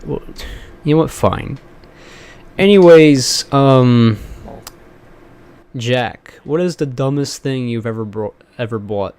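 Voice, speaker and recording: Casting: early-twenties male podcast host, loose and rambling, casual swearing, middling pitch. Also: slow pace, long pauses, darkish tone, smooth. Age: 20s. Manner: rambling, profane, many fillers and restarts. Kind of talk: casual chat.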